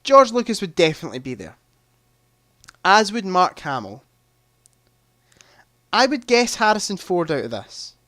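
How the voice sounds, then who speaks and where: A man's voice: sits high, very animated, measured pace, pauses often, a bit bright, no echo, clean studio sound. A man hosting a live movie quiz stream, chatting casually, thinking aloud and making self-deprecating asides.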